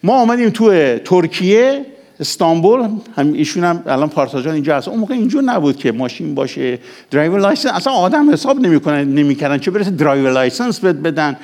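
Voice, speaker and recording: A middle-aged male pastor preaching a sermon, swinging from raised exhortation to hushed, intimate passages. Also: fairly high pitch, sing-song.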